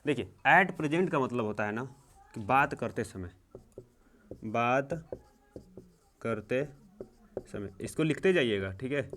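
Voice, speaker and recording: A young man teaching English grammar in a slow, repetitive way, checking in often. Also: medium pitch, expressive, a bit bright. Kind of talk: classroom-style grammar lesson.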